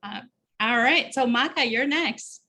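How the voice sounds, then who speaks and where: Woman moderator, upbeat and chatty, sharp bright voice. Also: fairly high pitch, measured pace. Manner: upbeat, chatty, hands the floor on. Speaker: panel moderator. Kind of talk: online panel moderation.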